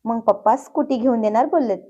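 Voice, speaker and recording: A feisty teenage girl from a storybook, quick to protest and easily embarrassed, as a woman narrator puts her on. Her voice is mellow and a little high, and the recording is muffled and lo-fi. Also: natural voice. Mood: eager. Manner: quick to protest, then shy.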